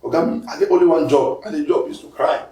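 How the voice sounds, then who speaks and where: Animated comedian, roomy and distant. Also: male voice, fast talker, crowd noise. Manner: animated, swings up loud and high when protesting, mixes in Pidgin. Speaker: comedian guest reading mean comments. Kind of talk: casual talk-show chat.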